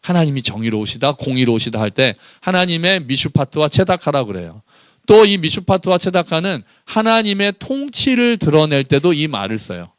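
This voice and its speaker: Higher-voiced pastor preaching, dry sound. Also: male voice, very animated, a bit bright, no echo. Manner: asks the congregation questions and has them read aloud together; slows down to read scripture aloud. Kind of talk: sermon.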